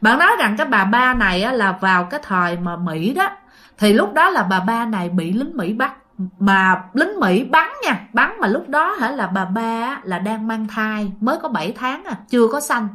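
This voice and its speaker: A woman's voice: on the high side, lively intonation, normal speed, pushed and bright. Chatty Southern Vietnamese woman telling ghost stories. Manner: chatty, with fillers, addressing listeners. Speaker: storyteller. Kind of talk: casual ghost story narration.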